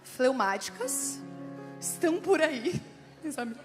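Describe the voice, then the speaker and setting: A woman with a Brazilian Portuguese accent preaching to a women's church audience, chatty and animated, speaking straight to the crowd. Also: high-pitched, slow pace, big-room sound, over music. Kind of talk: lively church talk to women.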